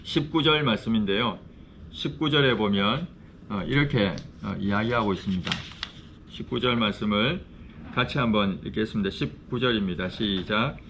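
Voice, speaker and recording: A man, a pastor, teaching a Bible study class in a church classroom. He explains in a measured way and poses questions to his students. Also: on the low side, fairly bright tone, slight background noise.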